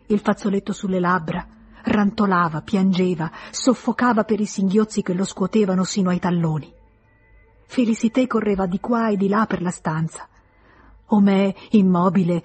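With a medium-pitched, slightly breathy voice, a woman narrates a literary audiobook in a measured, expressive storytelling style.

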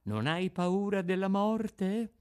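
A man voicing a gentle, patient fairy who coaxes a sick child in a storybook reading, speaking softly. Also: sits high, animated, takes it slowly, smooth, voice pushed up. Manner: soft, patient coaxing.

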